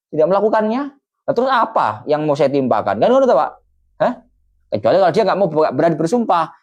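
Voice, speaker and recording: A man's voice: a little high, lo-fi sound. A man with an East Javanese accent explains an old Islamic text to his students, his voice rising and falling a lot. He switches between recited Arabic and everyday Indonesian with Javanese asides. He often stops to check that his students follow. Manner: animated, reads Arabic lines then explains them in Indonesian with Javanese asides; keeps checking that students understand. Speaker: Islamic kitab teacher.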